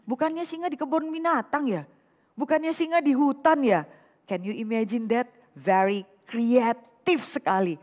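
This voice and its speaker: A woman vicar preaching a lively sermon to a women's fellowship, asking rhetorical questions and mixing in English phrases. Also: high-pitched, big-room sound. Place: church hall.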